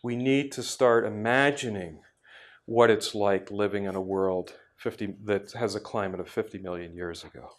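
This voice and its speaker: A man giving a reflective workshop lecture, speaking thoughtfully with frequent pauses and restarts. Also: lowish voice, steady tone. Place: workshop room.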